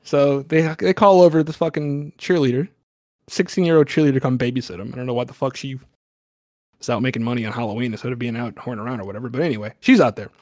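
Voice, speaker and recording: A man's voice: mid-range voice, fast, a little mellow, dry recording. Brief: casual, swearing male game master setting up a spooky scene, dry sound. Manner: rambling, profane, casual. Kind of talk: narrating a horror tabletop game.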